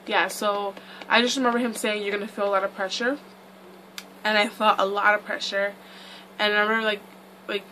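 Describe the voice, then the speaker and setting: A woman's voice: mid-range voice, bright, forceful tone, a little hiss or hum, rough recording. A young woman vlogger telling a casual storytime in a chatty, rambling way full of "like" and "um".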